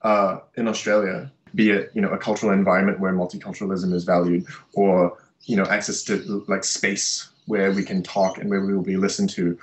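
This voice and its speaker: A man's voice: low-pitched, little pitch movement, brisk, rough recording. A young man from Malaysia and Singapore, an artist and social worker, reflecting at length in a small room in front of a webcam, often restarting his sentences. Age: young adult. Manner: thoughtful, with many restarts and fillers. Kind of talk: reflective interview monologue. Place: small bright room indoors. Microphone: webcam at desk.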